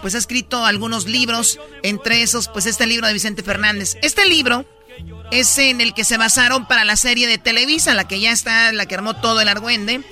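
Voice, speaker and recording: A man hosts a radio show and introduces an interview clip in a relaxed, chatty way. His voice is extremely high and very sharp and bright, with faint music behind it. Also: brisk. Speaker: radio host.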